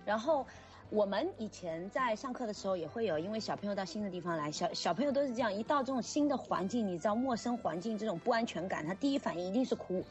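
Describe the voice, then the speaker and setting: A woman teacher in casual podcast chat, telling lively stories and acting out children's voices. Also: medium pitch, quick pace, faint music behind. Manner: animated storyteller, acts out crying children.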